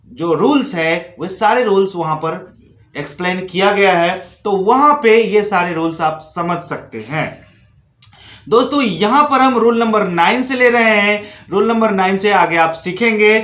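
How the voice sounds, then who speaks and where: A man's voice: high voice, a bit bright. A man teaching English pronunciation in a Hindi lesson, explaining rules step by step and reading word lists aloud. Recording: echoey room.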